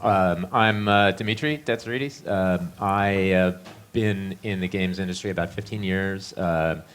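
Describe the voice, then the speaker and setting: A man speaking casually in front of an audience, introducing himself haltingly with many pauses. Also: low-pitched, a bit bright, clean tone. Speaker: games industry executive, panelist. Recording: live event with audience noise.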